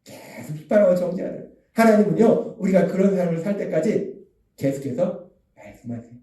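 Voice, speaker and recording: A man's voice: sits high, expressive, a little fast, mellow. A man preaching a Sunday sermon, emphatic, repeating key phrases and acting out the lines he quotes. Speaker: pastor. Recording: echoey room, voice from a distance.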